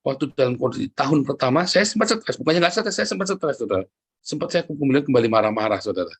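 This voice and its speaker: Husky-voiced man preaching with jokes. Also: mid-range voice, quick pace. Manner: lively, joking preaching, keeps addressing the congregation. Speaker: pastor. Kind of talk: sermon.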